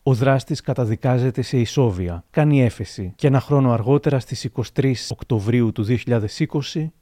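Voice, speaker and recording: A man giving scripted documentary narration in a measured, factual way. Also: mid-range voice, dark tone, no room sound, clean studio sound.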